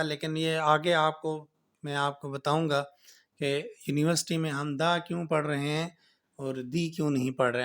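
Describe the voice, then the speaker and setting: A man teaching an English grammar lesson, explaining slowly, repeating points and often checking with "right?". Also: a little high, fairly bright tone. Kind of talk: classroom lecture.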